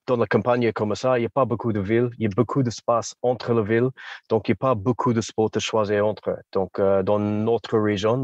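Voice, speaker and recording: A man's voice: fairly low pitch, a little mellow, no echo, highs cut off. Australian man speaking careful French. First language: English. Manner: hesitant, searching for French words. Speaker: guest. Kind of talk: casual interview chat.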